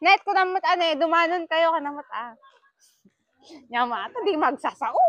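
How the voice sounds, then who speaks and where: A woman's voice: very high voice, lively intonation, moderate pace, bright, forceful tone. A woman vlogger with an Ilocano accent, chatting playfully to the camera and teasing small children at a village gathering. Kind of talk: casual vlog chat mixing languages.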